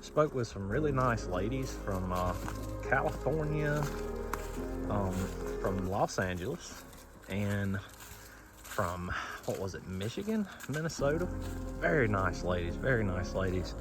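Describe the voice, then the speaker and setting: A man's voice: fairly low pitch, sing-song, unhurried. A man with a Southern US accent, narrating his road trip in a folksy, easygoing way. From Southern United States. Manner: folksy and easygoing, says y'all. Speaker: travel vlogger. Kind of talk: casual travel narration. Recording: dull lo-fi sound with loud music.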